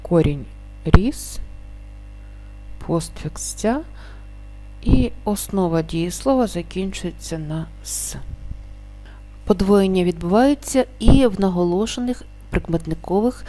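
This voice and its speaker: A woman teaching a grammar lesson, stating each rule and then slowly and carefully sounding out the example words. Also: mid-range voice, animated, mellow, soft background music.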